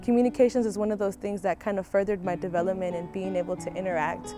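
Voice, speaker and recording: A woman's voice: mid-range voice, fairly even intonation, fast talker. A young woman student and activist talking casually in an interview outdoors on a campus. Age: young adult. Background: background music.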